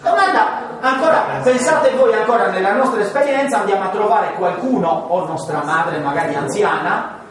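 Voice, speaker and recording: A man teaching a class on Genesis, animated and full of rhetorical questions, sometimes acting out voices. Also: high-pitched, normal speed, hardly any pauses, a crowd in the background. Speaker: Bible teacher. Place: large room with listeners. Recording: echoey hall, distant mic.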